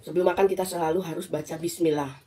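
A woman's voice: lowish voice, steady tone, very fast, warm tone, slightly rough. A woman in her thirties from Indonesia chatting casually to her viewers as a food vlogger, recorded on a phone at home. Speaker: mukbang vlogger. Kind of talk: casual vlog chat to viewers. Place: indoors, living room at home. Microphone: phone at arm's length.

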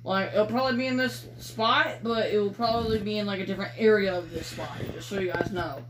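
A teenage girl casually commentating a driving game she films with her phone in a dark room at home, rambling and teasing with casual swearing. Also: medium pitch, fairly even intonation, a little fast. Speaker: gaming video creator. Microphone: phone filming a screen. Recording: echoey room with faint noise.

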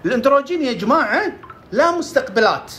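A woman's voice: high-pitched, very animated, fast, a bit bright, a little hiss or hum. A woman giving casual health tips, asking and answering her own questions as she goes. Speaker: herbal health presenter.

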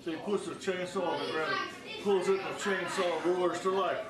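A man's voice: high voice, steady tone, moderate pace. A man, casually telling folksy jokes and acting out the dialogue. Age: 60s. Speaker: party guest telling jokes. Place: indoors, living room at a crowded party. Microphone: camera a few feet away. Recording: roomy party recording, loud crowd, distant mic.

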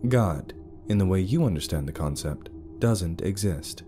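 A man voicing a calm male artificial intelligence that oversees a world, speaking in a measured, explanatory way. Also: sits low, faint music behind.

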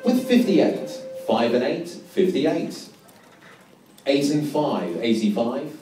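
A man's voice: mid-range voice, lively intonation, takes it slowly, over music. Echoey, sing-song young male bingo caller. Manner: sing-song number calls repeated in set patterns. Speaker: bingo caller, show host. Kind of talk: bingo calling. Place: large bingo hall, indoors. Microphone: handheld mic over hall speakers, filmed from nearby. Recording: echoey hall PA, far from the mic.

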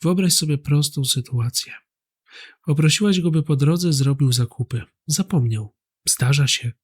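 A man, the host of a psychology channel, giving scripted narration in a calm voice and speaking straight to the listener. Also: on the high side, measured pace, slightly rough.

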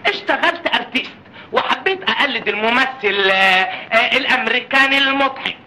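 An actor playing a cheeky, bumbling Egyptian witness in an old film comedy, rambling and wisecracking with exclamations. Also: male voice, very high-pitched, expressive, a little fast, pushed and bright, heavily acted. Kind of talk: 1940s film comedy acting. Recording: noisy old film soundtrack.

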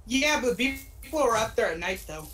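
A young adult woman chatting casually while playing a co-op game, excitable one moment and apologetic the next. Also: on the high side, a little hiss or hum, low-quality recording. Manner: excitable and apologetic, quick bursts. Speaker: co-op game player. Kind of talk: casual gaming chat.

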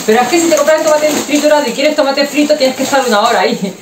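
A woman's voice: high-pitched, racing, echoey room, distant mic, noisy background. A Spanish woman chatting casually in a home vlog while unpacking groceries, blunt and talkative. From Spain. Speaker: vlogger. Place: home kitchen.

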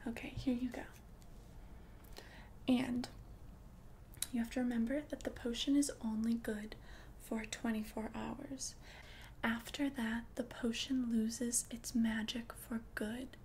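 Soft and helpful, a woman with a slightly high voice whispers breathily as an earnest, calm potion-selling witch for ASMR. She explains things slowly and carefully, with a bit of background noise behind her.

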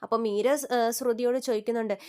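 Fast, high-voiced woman retelling a serial. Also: smooth. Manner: animated, quotes the characters' dialogue in a storytelling tone. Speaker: serial episode reviewer. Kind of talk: rapid retelling of a TV serial episode.

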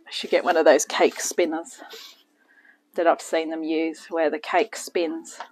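A woman's voice: deep voice, flat delivery, unhurried, darkish tone, poor audio. A woman hosting a casual home cooking demonstration in her kitchen, chatty and self-deprecating with rambling asides. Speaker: home cooking channel host.

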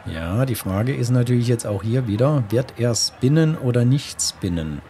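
A man hosting a casual let's play, musing aloud as he works out each move. His voice sits at a medium pitch, with faint game ambience behind it. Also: animated, moderate pace, warm tone, slight background noise. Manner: musing, talking to himself. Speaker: gamer, let's play host. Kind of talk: casual gameplay commentary, thinking aloud.

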